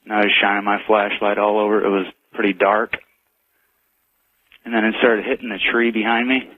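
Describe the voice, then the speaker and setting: Radio show caller, low voice, tinny phone line. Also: male voice, level tone, dry recording. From United States. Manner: halting, plain storytelling with pauses. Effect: phone line call-in audio. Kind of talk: telling an eerie personal encounter.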